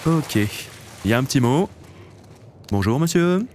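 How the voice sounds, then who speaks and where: A man's voice: mid-range voice, animated, a little slow, darkish tone, a little hiss or hum. A man in his late twenties, hosting a let's play and chatting casually to viewers while he plays. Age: late 20s. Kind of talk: casual gameplay commentary.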